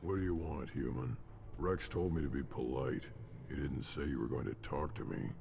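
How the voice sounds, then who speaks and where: Surly deep-voiced gravelly alien brute. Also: male voice, moderate pace, background noise. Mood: gruff, annoyed. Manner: gruff, curt, dismissive. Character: surly alien brute, grudging toward human customers. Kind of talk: scripted video game dialogue.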